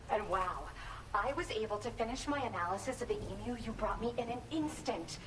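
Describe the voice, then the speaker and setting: A woman's voice: mid-range voice, natural voice. An actress voicing an earnest female researcher in a video game, explaining her findings at length. Heard from a distance with background noise. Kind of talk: game dialogue.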